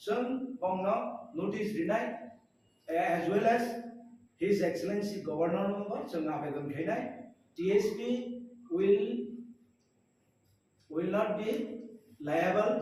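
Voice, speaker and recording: A man's voice: sits high, darkish tone. A man speaking at a press meet, giving an emphatic statement and repeating his points. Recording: echoey room from a distance.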